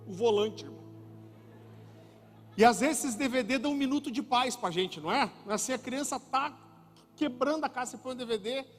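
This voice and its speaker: A male pastor preaching a sermon, an animated, joking storyteller who keeps calling the audience brother. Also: extremely high pitch. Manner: turns soft and hushed near the end. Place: church hall. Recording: reverberant church hall with music.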